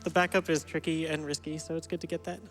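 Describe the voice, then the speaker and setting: A man with a fairly high voice joins a live speedrun as co-commentator. He is playful, gushing and informal, with music clearly playing behind him. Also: little pitch movement, fast, fairly bright tone.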